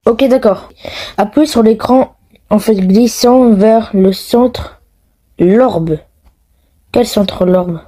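A woman's voice: on the high side, slow pace, long pauses, mellow. A woman casually chatting through a gameplay video, talking to her viewers with lots of fillers. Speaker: gaming video creator.

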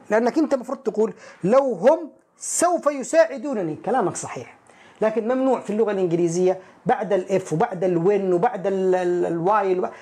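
A man teaching an English grammar lesson. He reads each English example slowly and translates it, then raises students' likely questions and answers them himself. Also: sits high, a little mellow.

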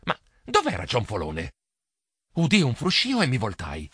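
A man narrating a children's audiobook in a playful, animated storytelling manner. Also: medium pitch, moderate pace, husky, dry recording.

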